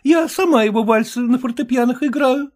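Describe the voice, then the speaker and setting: A man reading an audiobook, voicing a shrill, squeamish, bossy middle-aged wife in a high, indignant, quarrelsome voice. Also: brisk, darkish tone.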